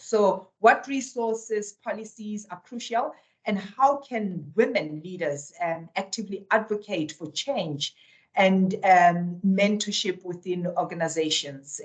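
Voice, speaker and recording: A woman hosts an online panel, introducing speakers in a halting way with frequent fillers. Her voice sits at a middle pitch and comes through a video call. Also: low-quality recording. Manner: warm, hesitant, with many fillers. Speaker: event moderator. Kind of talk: hosting a virtual roundtable.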